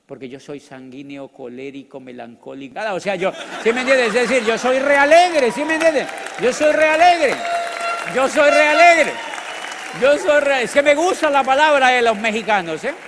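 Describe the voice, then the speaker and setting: A middle-aged man with a Colombian accent, a motivational speaker telling his story in an animated, joking way with loud outbursts. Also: very high voice, normal speed, a crowd in the background, background noise. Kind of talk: storytelling business talk. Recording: long hall reverb.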